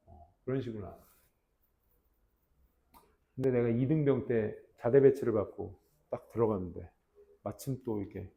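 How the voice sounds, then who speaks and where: An English teacher, a man in his thirties with a medium-pitched voice, tells his class a story in a casual, animated way, acting out shouted army roll calls.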